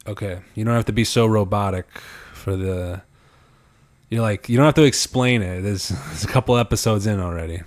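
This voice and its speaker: A man's voice: fairly low pitch, a little fast. A young man hosting a casual podcast chat, teasing his guest and laughing often. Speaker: podcast host.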